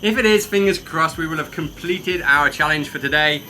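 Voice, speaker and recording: Teasing man, bright voice. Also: fairly high pitch, moderate pace. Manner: chatty, teasing, upbeat. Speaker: travel vlogger. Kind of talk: casual vlog narration. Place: outdoors and in a cable car.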